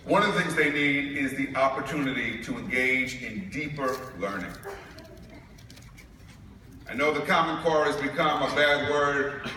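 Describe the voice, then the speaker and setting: Here the New York keynote speaker sits at medium pitch and a measured pace, his tone bright and forceful as he tells funny stories. The recording comes from far off in a big conference hall, echoing and noisy.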